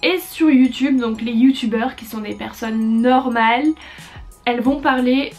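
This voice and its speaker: Young female YouTuber, twenties, high-pitched, casual and hesitant delivery, faint music bed. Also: unhurried. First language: French. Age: 20s. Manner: chatty, many fillers and hesitations. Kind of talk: casual talk to camera giving language tips. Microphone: compact camera.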